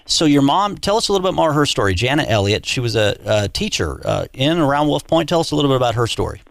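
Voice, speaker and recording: A man hosting a radio talk show, interviewing a caller in a halting way with many fillers and restarts. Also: medium pitch, big pitch swings, creaky, no echo. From Montana.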